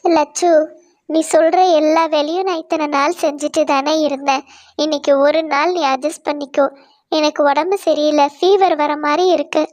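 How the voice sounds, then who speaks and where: A woman voicing a gentle, kind young female bird who speaks in a pleading, worried way. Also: high voice, steady tone, moderate pace, lightly acted.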